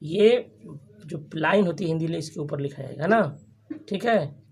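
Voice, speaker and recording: Running a grammar class in call-and-response style, a teacher repeats each term and then quizzes the students on it with quick questions, often restarting and checking in. The voice is breathy and husky, mid-range, expressive, and a little mellow.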